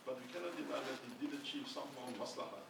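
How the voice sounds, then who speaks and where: A man's voice: mid-range voice, animated, racing, vocal fry. A man in the audience asking the lecturer a question, hesitant and full of fillers. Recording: distant, echoey room with background noise.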